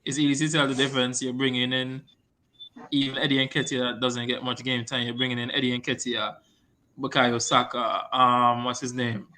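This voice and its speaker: A man's voice: medium pitch, level tone, moderate pace. A man in a casual football podcast, arguing his side with heat and repetition. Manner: argumentative, gets loud and repetitive when heated. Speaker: podcast co-host, Arsenal fan.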